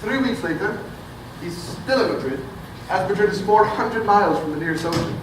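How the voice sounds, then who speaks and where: An actor playing a flamboyant, theatrical family patriarch who tells grand stories, heard on a stage recording. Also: male voice, high voice, lively intonation, moderate pace. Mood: grandiose. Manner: grandiose, showy storyteller. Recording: echoey theatre audio from far off, noisy.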